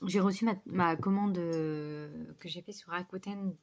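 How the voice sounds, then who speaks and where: A woman's voice: fairly low pitch, fairly even intonation, measured pace. A woman chatting casually to her book vlog in a rambling, scatterbrained way, with a slight lisp on her words. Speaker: book vlogger.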